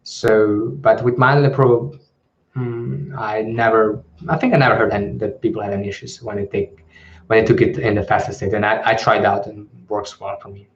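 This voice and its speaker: A man's voice: lowish voice, fairly even intonation, moderate pace. A man hosting a live question-and-answer stream, answering in a hesitant way with many ums and restarts. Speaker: channel host. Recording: dull lo-fi livestream audio.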